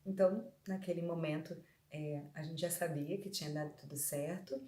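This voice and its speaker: A woman from Brazil telling a story to her viewers in a relaxed vlog, her voice sitting low for a woman. She talks chattily and keeps rephrasing herself. The room around her is echoey. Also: moderate pace. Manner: chatty, many fillers and rephrasings. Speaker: vlogger.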